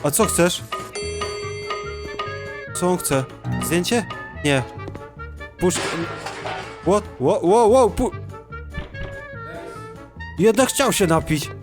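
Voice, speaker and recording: A young man giving let's play commentary, excitable and laughing, often swearing and reading game text aloud. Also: sits high, very slow, pauses often, music in the background. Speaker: gaming YouTuber.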